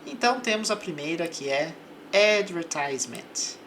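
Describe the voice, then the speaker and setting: A woman's voice: low-pitched, expressive, moderate pace, fairly bright tone, a little hiss or hum. A woman gives a patient vocabulary lesson, repeating each word and example. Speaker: English teacher. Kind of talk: slow, methodical vocabulary lesson.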